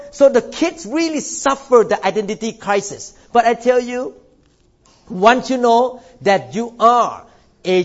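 Lo-fi audio captures an older Thai man with a very high voice delivering a sermon in a church. As a pastor, he leans hard on important words, stretching them out for emphasis.

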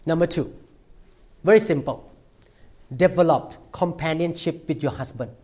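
A middle-aged male pastor whose first language isn't English preaches a sermon with simplified grammar, his voice a little high, darkish, and husky at a moderate pace. He delivers emphatic short exhortations, repeats phrases, and asks the congregation for amens.

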